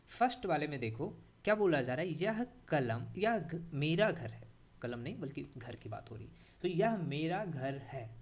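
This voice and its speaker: A young adult man with an Indian accent teaching a grammar lesson in a classroom style. He repeats key points and asks the class questions as he goes. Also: on the high side. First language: Hindi.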